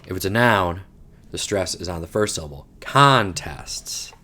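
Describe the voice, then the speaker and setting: Man, very low voice, casual crossword chat, rambling asides, mild swearing. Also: fairly quick, sharp tone. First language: English. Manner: thinks aloud, rambling digressions, mild swearing. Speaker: podcast host solving a crossword. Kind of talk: casual solo puzzle-solving chat.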